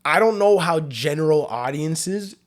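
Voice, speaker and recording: A man's voice: fairly high pitch, expressive, a little slow. A young man hosting a podcast, chatting casually with lots of fillers and slang. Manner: laid-back, filler-heavy, loose slang. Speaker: podcast host. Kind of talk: casual chat.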